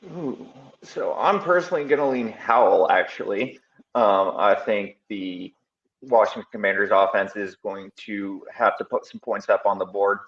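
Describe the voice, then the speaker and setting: A man joining a fantasy football chat over a video call, relaxed and full of ums. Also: on the low side, normal speed. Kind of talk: casual sports advice chat. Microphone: remote video call. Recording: dull roomy video call audio.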